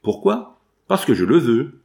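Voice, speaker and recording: A man's voice: medium pitch, animated, moderate pace, darkish tone, lightly acted. A man reading aloud and voicing a willful, impetuous eighteen-year-old girl who pleads insistently.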